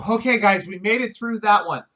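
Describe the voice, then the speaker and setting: This man's high voice carries a bright, forceful tone at a measured pace. Reviewing a film casually on video, he sounds wry and exasperated, often cutting himself off to restart his sentences.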